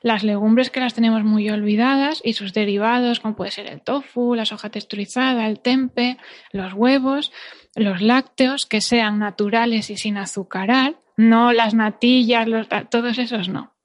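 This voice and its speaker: A dietitian-nutritionist with a Spanish accent from Spain explains things as an expert podcast guest, speaking in a didactic, emphatic, conversational way. Her voice is on the high side and steady, at a normal speed.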